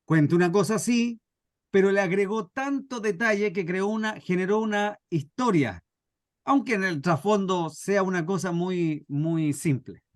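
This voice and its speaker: This scriptwriting workshop instructor has a Chilean accent and a high-pitched voice at normal speed. He teaches informally with acted anecdotes, repeating phrases for emphasis. The audio is studio quality without echo.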